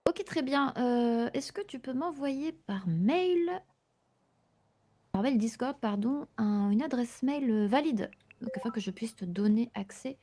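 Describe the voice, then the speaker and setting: A female player in an improvised online roleplay acts as the business-like, orderly woman boss of a car garage, recruiting a new employee. Her voice is husky yet mellow, a little high, with lively intonation, and she speaks unhurriedly in a calm, explanatory mood.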